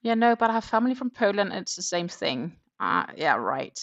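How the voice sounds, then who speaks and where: Sing-song and a little fast, this woman's mid-range voice is gravelly yet fairly bright, captured in lo-fi sound. She's a Danish host of a casual crochet livestream, chatting, reading out viewer comments, and counting stitches aloud while crocheting.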